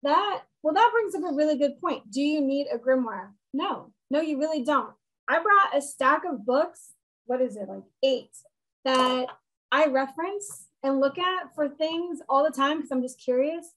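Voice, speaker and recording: A woman with a high, light voice teaches a small group over a video call. She explains things in a relaxed, casual way and slips in the odd joke. She is talking from a room at home. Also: moderate pace, low-quality recording. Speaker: witchcraft teacher hosting a meetup.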